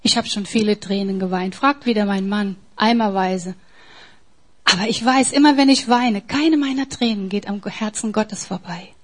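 Her sermon swings from near-whispers to forceful, raised lines as this woman preaches emphatically. She speaks at a moderate pace in a mid-range voice.

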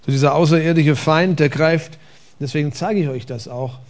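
A man preaching a conversational sermon from a church stage, with rhetorical questions and a lively, engaging delivery. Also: a little high, normal speed. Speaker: pastor.

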